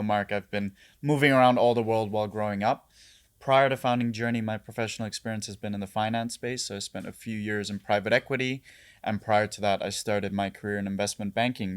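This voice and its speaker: A young man introducing himself as a startup co-founder, speaking in a measured, articulate way. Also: lowish voice, clean tone. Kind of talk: interview answers.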